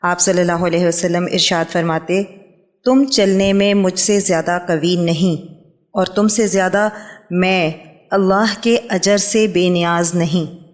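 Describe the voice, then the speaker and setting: A woman reading a religious history book aloud in a steady, measured way, announcing each new heading. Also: on the low side. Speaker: book reader. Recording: long hall reverb.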